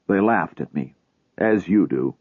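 An agitated old man pleads and insists, his husky voice raised a little, as a man plays him. It sounds thin and phone-like, with no room around it. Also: low voice, expressive, a little slow, no room sound, heavily acted. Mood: dispirited. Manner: urgent, insistent.

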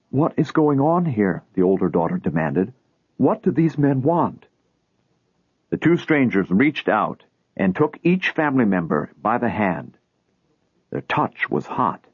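A man reads a storybook aloud in a measured, low, husky voice. The sound is narrow and tinny like a phone line, and dry with no room around it. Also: no echo. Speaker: narrator. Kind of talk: storybook reading.

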